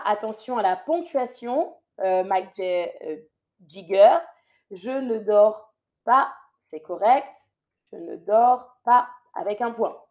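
On a live stream, a woman teaches French, reading out viewers' sentences and patiently correcting them while often repeating her instructions. Her voice is a little high.

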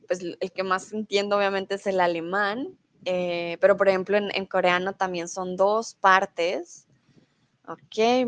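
A woman's voice: mid-range voice, fairly bright tone. A woman teaching Spanish on a casual livestream, reading viewers' comments aloud, laughing often and trying out foreign words with hesitation.

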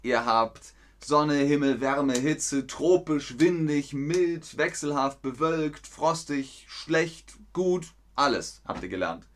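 A man from teaching in a live-stream lesson, speaking slowly and clearly, reading viewers' chat aloud and correcting them. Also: on the high side, expressive.

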